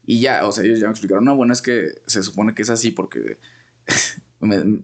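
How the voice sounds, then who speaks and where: Gravelly Mexican man telling a rambling story. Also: lowish voice, lively intonation, normal speed. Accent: Mexican Spanish. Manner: rambling storyteller, full of slang and fillers. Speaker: podcast co-host. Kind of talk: casual conversation.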